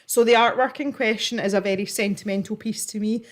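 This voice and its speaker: A woman's voice: medium pitch, fairly even intonation, brisk. A giggly woman with a Scottish accent, chatting informally as she hosts a livestream. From Scotland. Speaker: livestream host. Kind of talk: casual chat to a live audience.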